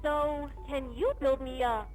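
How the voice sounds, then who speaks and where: Very high, chirpy cartoon jellyfish. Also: female voice, steady tone, a little slow, a little mellow. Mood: chirpy, encouraging. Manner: chirpy, polite, encouraging. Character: friendly little female jellyfish toy maker. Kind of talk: children's game cartoon voice acting.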